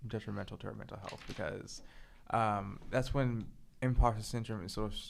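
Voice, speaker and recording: A young man co-hosting a podcast, talking casually and haltingly, restarting his phrases as he thinks. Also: on the low side, fairly even intonation, gravelly. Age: young adult. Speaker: podcast co-host. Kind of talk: casual chat.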